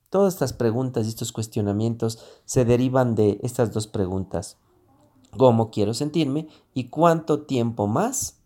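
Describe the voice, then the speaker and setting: A man's voice: on the low side, mellow. A man coaching listeners on handling emotions in a motivational talk, asking himself questions aloud. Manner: asks himself questions aloud, switching between tú and usted. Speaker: self-help coach.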